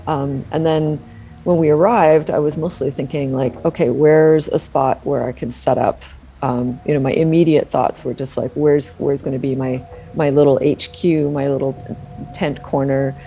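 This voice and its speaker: A woman's voice: low-pitched, steady tone, normal speed, warm tone, rough recording. A woman, a sound artist and professor, recalling things in a chatty, loose interview manner. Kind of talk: casual interview recollection.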